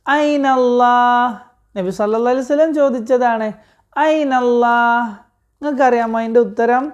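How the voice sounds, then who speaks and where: A woman teaching a religious story to children, patient and slow, asking them questions and repeating the answers. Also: fairly high pitch, mellow, dull audio.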